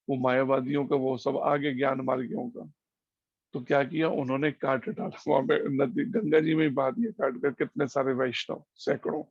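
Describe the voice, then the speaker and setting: A man giving a slow, explanatory devotional scripture class over an online call, using homely examples. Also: medium pitch, creaky, darkish tone, husky, no echo, muffled recording. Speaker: preacher.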